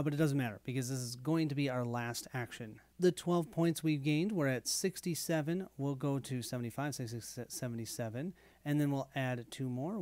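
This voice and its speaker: A man with a hoarse, tired late-night voice hosting a casual walkthrough of a tabletop game. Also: mid-range voice, darkish tone, dry recording. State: hoarse, lost his voice. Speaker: host of a board game playthrough.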